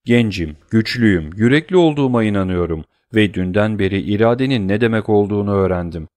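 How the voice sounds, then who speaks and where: A man's voice: fairly low pitch, animated, quick pace, darkish tone, no room sound, natural voice. A man voicing a proud young nobleman, speaking earnestly and with firm resolve. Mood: resolute.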